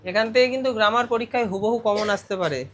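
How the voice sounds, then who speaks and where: A man's voice: high-pitched, quick pace, fairly bright tone, a little hiss or hum. A male teacher going through a grammar lesson step by step, often putting questions to his students. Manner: explains step by step, asks the class questions.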